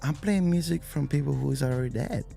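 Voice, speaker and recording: A man's voice: fairly high pitch, quick pace, gravelly, mellow, soft background music. A man, a guest telling his story in a loose, rambling way full of fillers and restarts. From Spain. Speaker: guest, DJ and violinist. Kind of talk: casual interview chat.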